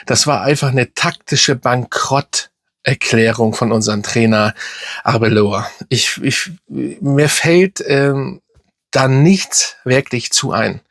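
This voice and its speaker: A man's voice: mid-range voice, slow pace, fairly bright tone, dry recording, studio quality. A young man who hosts a football fan channel, giving a frustrated, rambling match reaction full of fillers and restarts.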